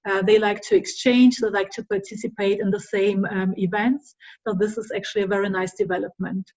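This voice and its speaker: Woman, halting speaker on a lo-fi call. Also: mid-range voice, little pitch movement, darkish tone. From Germany. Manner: frequent hesitant "um" fillers. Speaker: guest speaker. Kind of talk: online club meeting conversation.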